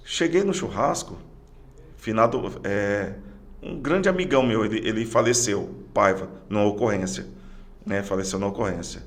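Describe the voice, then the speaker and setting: Gravelly middle-aged Brazilian man, halting. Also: fairly low pitch. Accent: Brazilian Portuguese. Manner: halting, repeats words and restarts phrases. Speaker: podcast guest, police sergeant. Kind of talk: personal testimony in casual conversation.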